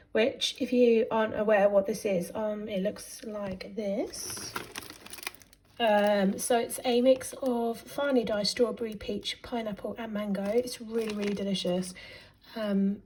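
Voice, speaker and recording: A woman's voice: medium pitch, warm tone. Chatty woman vlogging at home. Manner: chatty and upbeat, talking to camera. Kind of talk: casual vlog chat.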